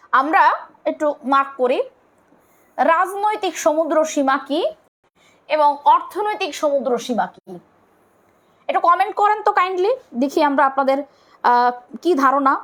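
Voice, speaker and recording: High-voiced Bangladeshi woman teaching. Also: a bit bright. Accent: Bangladeshi Bengali. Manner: explains step by step, asks and answers own questions; colloquial, urges viewers to comment. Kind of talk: online exam-prep lecture.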